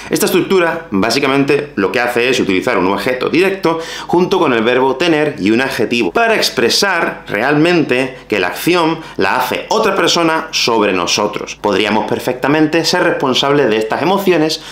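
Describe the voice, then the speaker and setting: A man from Spain with a Spanish accent, teaching Spanish in a video lesson with colloquial, expressive talk. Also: mid-range voice, moderate pace, roomy sound. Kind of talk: video lesson with acted skits.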